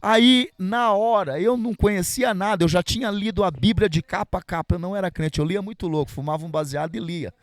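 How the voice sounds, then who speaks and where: Middle-aged São man, podcast guest, casual slangy testimony, fairly high pitch. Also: fairly quick, few pauses, no room sound, studio quality. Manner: slangy street talk.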